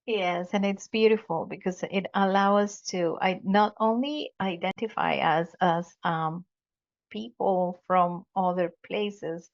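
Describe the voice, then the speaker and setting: A woman's voice: medium pitch, fairly even intonation, measured pace. A woman hosting a podcast interview, giving a formal, effusive introduction. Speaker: podcast host. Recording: dull lo-fi audio.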